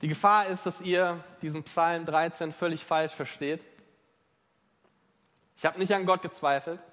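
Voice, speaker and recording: A man's voice: fairly high pitch, fairly even intonation, measured pace, a bit bright. A man preaching a sermon, emphatic and questioning his listeners directly. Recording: long reverb of a large hall.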